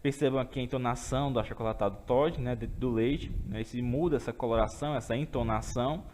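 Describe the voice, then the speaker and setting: A man's voice: mid-range voice, quick pace, darkish tone, long reverb tail, a little hiss or hum. A man teaching a remote chemistry lesson with a Brazilian Portuguese accent. He explains step by step and often checks in with his students. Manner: explains step by step, keeps asking "tá certo?".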